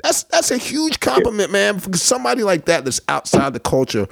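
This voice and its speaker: Lively, gravelly man telling stories. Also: high-pitched, fairly quick, faint music behind. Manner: animated storytelling, laughs often, swears freely. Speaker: podcast host. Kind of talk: casual chat.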